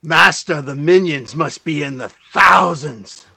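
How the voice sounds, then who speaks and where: A man voicing a fanatical male minion of an otherworldly dark lord, fawning and ranting. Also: a little high, a little slow, creaky, husky, exaggerated voice. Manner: zealous, snarling, fawning to his master.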